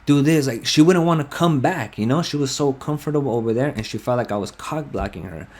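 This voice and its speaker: A man's voice: mid-range voice, brisk, darkish tone. A young man on a headset in game voice chat, telling a long heated story full of swearing and rambling asides. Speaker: gamer telling a personal story. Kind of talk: casual chat over game voice chat.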